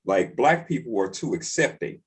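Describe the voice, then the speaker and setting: A man's voice: medium pitch, expressive, moderate pace, husky. A man co-hosting a casual podcast, blunt and insistent, repeating his points. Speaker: podcast co-host.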